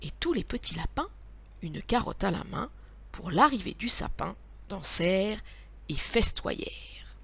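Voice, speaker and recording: Slow, expressive woman reading a story. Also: mid-range voice, creaky, slightly rough, no room sound. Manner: expressive, rhythmic rhyming delivery. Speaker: teacher reading aloud.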